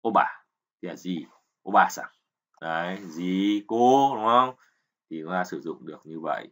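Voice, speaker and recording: Teaching kanji, this man speaks a little slowly in a low-pitched, slightly bright voice. He explains patiently, repeats words, and keeps asking learners "right?"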